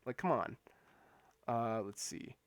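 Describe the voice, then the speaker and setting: A medium-pitched streamer takes it slowly while playing a game live, chatting casually with viewers. Giggly and prone to stammering and repeating words, he laughs often, and there's no echo.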